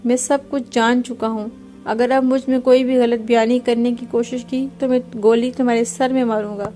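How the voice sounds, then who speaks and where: A woman's voice: a little high, level tone, warm tone, faint music behind, natural voice. A woman voicing a furious young man who threatens his captives with harsh commands in a storybook reading. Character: furious armed young man, ruthless interrogator.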